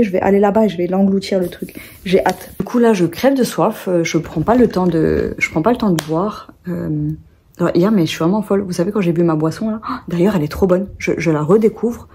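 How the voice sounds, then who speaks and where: A woman's voice: mid-range voice, dark tone, breathy edge. A young French woman vlogging in casual chat, rambling with many fillers and restarts, sleepy.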